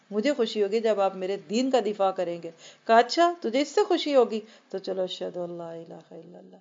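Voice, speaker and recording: A woman's voice: fairly high pitch, darkish tone. Earnest woman teaching a scripture lesson. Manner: earnest explaining with rhetorical questions; slows right down to recite Arabic verses. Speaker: Quran teacher. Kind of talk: Quran lesson to women. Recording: dull lo-fi recording.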